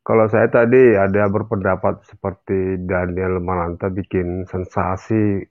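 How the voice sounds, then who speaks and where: Pria bersuara telepon yang menasihati. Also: male voice, low-pitched. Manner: earnest, admonishing. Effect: heard over a phone line. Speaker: caller joining an online discussion. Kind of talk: casual opinion sharing. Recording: tinny phone-line sound.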